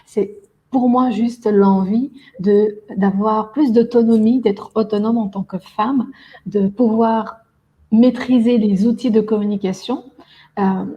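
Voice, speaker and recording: A Belgian woman, appearing as a guest on a podcast, speaks at length with frequent hesitations and fillers. She is an event organizer being interviewed, and her medium-pitched, dark-toned voice comes through on poor audio.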